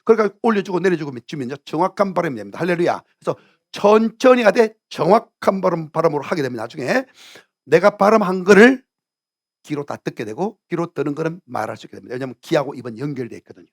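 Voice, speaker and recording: A middle-aged man preaches as a pastor, his voice sitting a bit high and rough with gravel. He teaches in an animated way, swinging his pitch widely and sounding out English words again and again for his listeners. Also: fast talker. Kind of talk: sermon.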